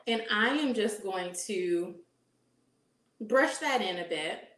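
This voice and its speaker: A woman's voice: mid-range voice, expressive, slow, fairly bright tone. A woman in her thirties, a dietitian, giving an upbeat live cooking demonstration in a home kitchen and asking her audience questions. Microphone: camera at medium distance. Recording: echoey kitchen room sound.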